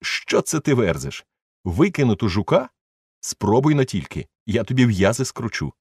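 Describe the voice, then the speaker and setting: Feverish eccentric gentleman, commanding and urgent, dry recording; a man reads him. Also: medium pitch, sing-song, moderate pace, husky, no echo, pitched above the performer's own voice. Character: excitable eccentric gentleman obsessed with treasure.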